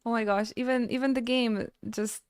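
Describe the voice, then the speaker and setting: A woman game streamer chatting casually with her live audience, halting and stammering as she thanks viewers between frequent laughs. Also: a little high, steady tone, clear, resonant tone, dry recording, clean studio sound.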